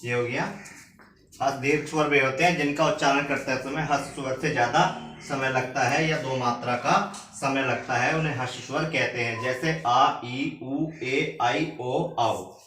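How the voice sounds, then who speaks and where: A man at a middle pitch teaches a grammar lesson, repeating each definition and spelling it out word by word. He talks very slowly, as if students are writing along. The sound is roomy and a little distant, with a faint hiss behind him. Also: fairly even intonation, a bit bright. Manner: slow, repeats words one at a time for dictation. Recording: echoey room, mic at a distance, faint noise.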